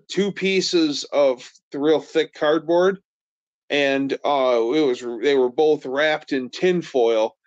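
A middle-aged man co-hosting a casual live chat, telling folksy stories and chiming in with quick agreement. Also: medium pitch, smooth, no echo. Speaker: co-host of a car show live stream. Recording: dull dry lo-fi stream audio.

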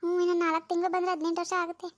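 Someone voicing a squeaky, timid village girl. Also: monotone, racing, no echo. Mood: nervous. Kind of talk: animated village drama.

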